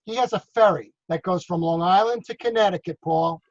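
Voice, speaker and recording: Talking loosely about drone work on a casual video call, this New York man, a drone business consultant, repeats words and keeps asking others to agree. He has a high voice and speaks a little fast, with no echo, over dull, lo-fi call audio.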